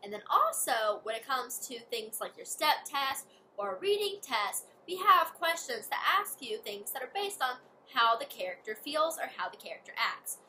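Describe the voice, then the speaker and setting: A woman's voice: high voice, sing-song, moderate pace, pushed and bright, a little hiss or hum. A woman teacher giving a read-aloud reading lesson to children, explaining step by step in a friendly way.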